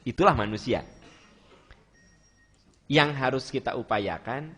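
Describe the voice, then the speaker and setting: A preacher with a Sundanese accent giving a conversational sermon, talking lively and often rising into loud, emphatic lines. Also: male voice, medium pitch, a little slow, breathy edge.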